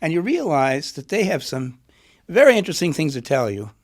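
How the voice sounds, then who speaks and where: Talking fairly quickly with big swings in his rather high pitch, a middle-aged man who writes books and poetry muses aloud during a conversational interview. His manner is reflective and rambling.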